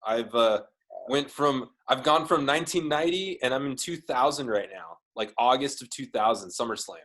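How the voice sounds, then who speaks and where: A man's voice: medium pitch, moderate pace, fairly bright tone. A man hosting a podcast over a video call, upbeat and joking, with lots of fillers. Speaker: podcast host. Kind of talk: casual chat.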